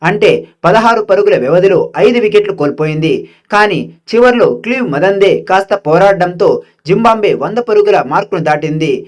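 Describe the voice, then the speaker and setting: High-pitched, fast-talking man narrating sports highlights. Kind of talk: scripted match recap narration.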